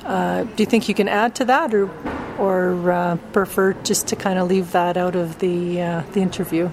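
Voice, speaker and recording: A woman's voice: on the low side, steady tone, moderate pace, background noise. A woman hosting an interview, introducing and questioning a guest in a casual, rambling way with fillers.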